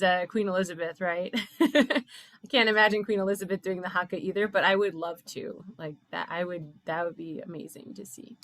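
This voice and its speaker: A woman's voice: medium pitch, no echo. Woman, host, casual chat, enthusiastic, laughing, dry sound. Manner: warm, enthusiastic, laughs often. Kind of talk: casual group discussion.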